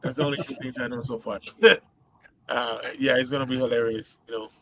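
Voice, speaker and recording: A man's voice: medium pitch, fairly even intonation, brisk, a bit bright. A man with a Boston accent hosting a casual live show, rambling with many fillers and laughing often. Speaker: host.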